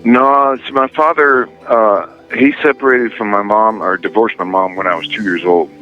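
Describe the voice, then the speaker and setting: Low-voiced man on a prison phone. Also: fairly even intonation, faint music behind. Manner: halting, hesitant, many pauses. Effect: prison phone line. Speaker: inmate guest calling in. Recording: muffled prison phone line.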